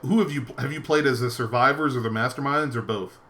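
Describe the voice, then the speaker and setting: Bright-voiced podcast host. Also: male voice, mid-range voice, quick pace. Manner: relaxed, asks questions, reads chat. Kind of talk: casual podcast chat.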